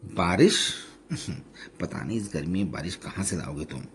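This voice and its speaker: A man voicing a sharp-tongued middle-aged wife who teases and scolds her husband. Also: deep voice, animated, moderate pace, slight background noise, pitched below the performer's own voice. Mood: teasing. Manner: scolding, bossy.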